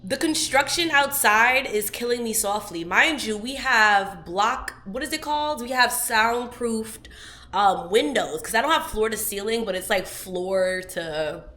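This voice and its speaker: A young woman with a stuffed-up nose chats casually to her vlog camera in her apartment living room, playful and full of slang. She's a vlogger and podcast host doing a day-in-the-life chat, her voice on the high side, animated, a little slow, and sharp in tone. The camera sits on a tripod.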